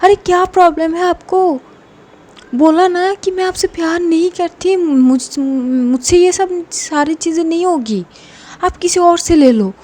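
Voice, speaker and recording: A woman's voice: sits high, a little slow, mellow. A woman voicing an upset young woman who insistently pleads with someone to stay away. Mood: shouting. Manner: pleading, insistent, repeats please.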